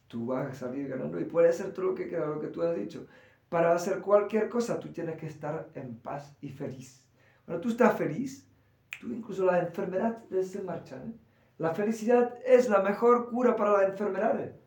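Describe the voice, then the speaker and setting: Animated high-voiced teacher. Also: male voice, creaky. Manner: animated, acts out voices, quick asides. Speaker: spiritual teacher. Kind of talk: spiritual class talk. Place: temple hall. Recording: echoey room, voice far from the mic.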